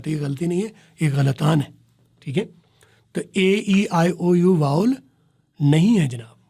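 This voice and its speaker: A man teaching spoken English pronunciation, explaining patiently, repeating examples slowly and often checking with "right?". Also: on the high side, vocal fry, mellow, slightly rough. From Pakistan. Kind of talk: spoken English lesson in Urdu.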